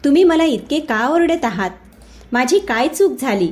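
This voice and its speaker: Woman doing a hurt, pleading young wife, raised high voice. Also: expressive, moderate pace. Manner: pleading, bewildered.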